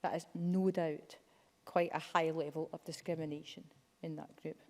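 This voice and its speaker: Woman MP, lowish voice, emphatic formal speech, chamber reverb. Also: little pitch movement, moderate pace. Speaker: member of parliament. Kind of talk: parliamentary speech. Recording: long reverb of a debating chamber.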